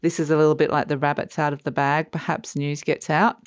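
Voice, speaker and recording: A tarot reader with a smooth, clear voice gives a mystical horoscope reading. The delivery is conversational and encouraging, unscripted and addressed straight to the listener. The sound is close and dry, at a medium pitch. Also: flat delivery, a little fast, dry recording.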